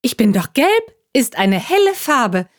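A woman's voice: a little high, big pitch swings, measured pace, pitched above the performer's own voice. A woman voicing a chatty, naive talking juice box in a children's story, with a raised, curious voice. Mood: naive chatter.

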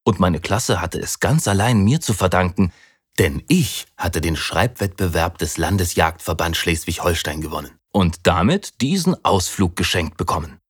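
A man with a low voice reading a children's story with expressive, dramatic delivery. His pitch moves a lot, and the sound is close and dry. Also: normal speed, husky, dry recording.

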